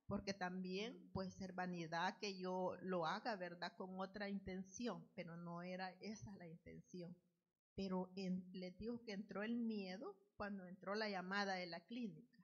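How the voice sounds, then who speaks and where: A woman giving an earnest spoken testimony at the altar of a church, in unhurried, loosely strung phrases. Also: fairly low pitch, steady tone, lo-fi sound. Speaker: church member giving testimony, Bible study leader.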